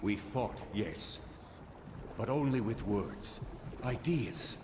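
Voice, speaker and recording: A man's voice: lowish voice, animated. Tired old ghost man, cavernous echo. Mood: weary, grieving. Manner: slow, solemn, reproachful. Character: tired old male ghost of a dwarven fortress, grave and aggrieved. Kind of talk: dramatic video game acting. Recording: echoing cavernous reverb, clear background noise.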